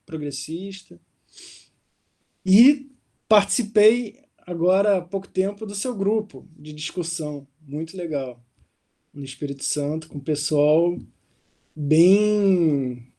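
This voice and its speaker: A young man from Rio de Janeiro, answering interview questions in a relaxed way, full of little fillers. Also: a little high. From Rio de Janeiro, Brazil. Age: young adult. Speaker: guest, doctoral researcher. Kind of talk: conversational interview. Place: hotel room in London.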